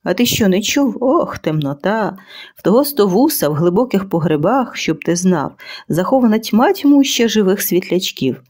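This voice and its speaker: A woman's voice: medium pitch, sing-song, moderate pace, darkish tone. A woman voicing a seasoned male cave guard who tells a war tale with boastful liveliness. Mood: scoffing.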